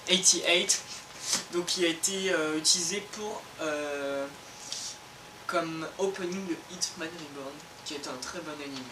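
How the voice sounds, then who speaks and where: A man's voice: fairly high pitch, normal speed. Rambling young man in an echoey room. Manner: rambling, hesitant, lots of filler. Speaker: co-host. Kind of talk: casual improvised chat. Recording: echoey room, distant mic, noisy.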